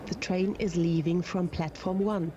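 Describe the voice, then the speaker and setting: A synthetic text-to-speech woman's voice making station announcements in a clear announcer delivery. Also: fairly low pitch, steady tone, measured pace, warm tone. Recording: dull lo-fi playback with faint noise.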